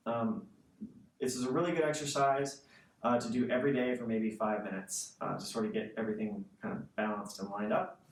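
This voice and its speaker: Brisk and steady, a man with a lowish voice gives a casual music lesson, keeping it conversational and frequently checking in with the listener. A distant mic in a roomy space picks up faint noise.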